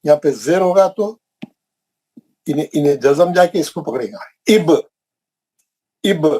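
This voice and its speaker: A man's voice: a little high, animated, dark tone, rough recording. A man teaching an online Quran recitation class, repeating points and quizzing his students. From India. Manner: repetitive, questioning, drilling the class.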